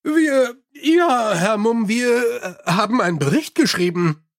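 Male reader as a jittery watchman, stammers, voice pushed up high and loud. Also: expressive, slow, exaggerated voice. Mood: flustered. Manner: nervous, stammering.

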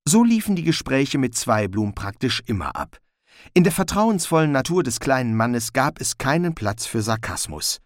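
A man narrating an audiobook in an expressive storytelling style. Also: mid-range voice, normal speed, no room sound, clean studio sound.

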